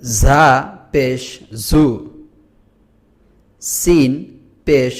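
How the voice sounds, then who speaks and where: Slow, measured man teaching Arabic letters. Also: mid-range voice, steady tone. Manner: slow, drawn-out drilling of each letter. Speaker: Quran reading teacher. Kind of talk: letter-by-letter recitation lesson.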